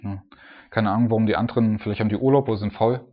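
A man's voice: fairly low pitch, fairly even intonation, very fast. Man preaching casually on lo-fi audio. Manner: conversational, folksy asides, frequent fillers. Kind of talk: informal sermon, Bible exposition. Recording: dull lo-fi recording.

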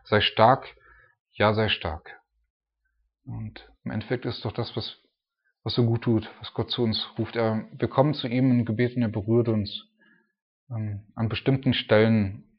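A man's voice: lowish voice, flat delivery, moderate pace, slightly rough. A man preaching an informal sermon, explaining Bible passages in a conversational, folksy way with frequent fillers. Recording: dull lo-fi recording.

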